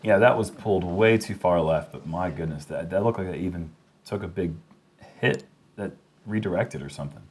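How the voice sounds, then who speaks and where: A man's voice: low-pitched, moderate pace, darkish tone, slightly rough. A man doing casual play-by-play commentary on disc golf.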